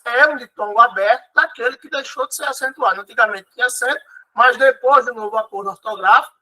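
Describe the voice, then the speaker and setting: A man's voice: extremely high pitch, bright, forceful tone, poor audio. A Brazilian man teaching an online exam-prep lesson. He explains patiently, repeats key words and keeps checking in with his students.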